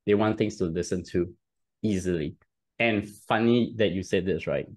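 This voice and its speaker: This is a low-pitched man speaking at a moderate pace, in his thirties and with a Singaporean accent. As a podcast guest on a headset video call from his home room, he explains things at length in a casual interview manner. Restarts and the tag "right?" come up often.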